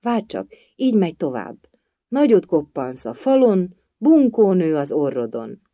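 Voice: mid-range voice, animated, mellow, dry recording, lightly acted. A storybook reader voicing a sighing, lecturing hatter at an endless tea party. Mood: gloomy. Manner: sighing, lecturing, sings a nonsense song.

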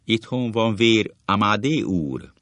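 A man voicing a strong, athletic husband who speaks with slow, emphatic courtesy in a comic play reading. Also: on the low side, big pitch swings, a bit bright, no echo, pitched above the performer's own voice. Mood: menacingly polite.

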